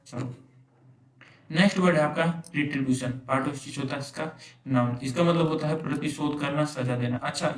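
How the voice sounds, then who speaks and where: Male tutor with a slightly high voice, teaching words through memory tricks and stories; recorded distant in a roomy space. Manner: storytelling mnemonics, frequent "है ना?" checks. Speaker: English vocabulary teacher. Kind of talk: exam-prep vocabulary lesson. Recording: echoey room, from a distance.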